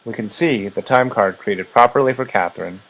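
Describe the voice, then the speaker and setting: This product walkthrough presenter speaks briskly through a scripted software demonstration, his fairly low voice husky and rough around the edges. The audio is poor.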